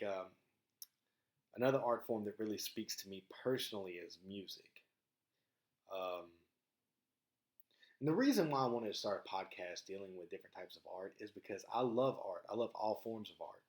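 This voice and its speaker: A man's voice: lowish voice, animated, moderate pace, pauses often, darkish tone. A young man from Mississippi with a Southern US accent hosting a podcast, chatting in a casual, rambling, slangy and laid-back way. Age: young adult. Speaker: podcast host. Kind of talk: casual rambling vlog chat. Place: small home studio. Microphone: dedicated podcast microphone.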